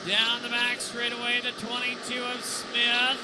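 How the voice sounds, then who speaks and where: Male motorsport commentator, very high-pitched, clipped position-by-position race calls, loud engine noise throughout. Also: completely flat delivery, a little slow. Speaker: motorsport track announcer. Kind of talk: live stock car race commentary. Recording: loud engine noise over track announcing. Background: race car engines.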